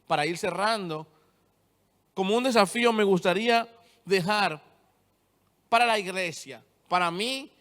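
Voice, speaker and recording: A man's voice: high voice, unhurried, pauses often, a bit bright. A young man preaching a sermon, retelling scripture and driving his points home with firm repetition. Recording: long church-hall reverb.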